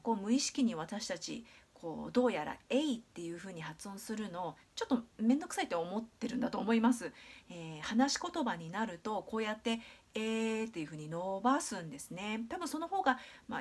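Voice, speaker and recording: Speaking in a mid-range voice, a Japanese woman gives a video lesson on English pronunciation. She is patient and clear, models sounds slowly, and stretches out plenty of fillers.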